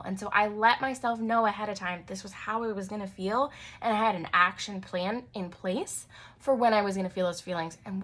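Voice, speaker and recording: Young woman, podcast host, casual solo talk, chatty with fillers, mid-pitched voice. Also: fairly bright tone. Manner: chatty, frequent "like" and "um" fillers, laughs often. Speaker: podcast host, naturopathic doctor.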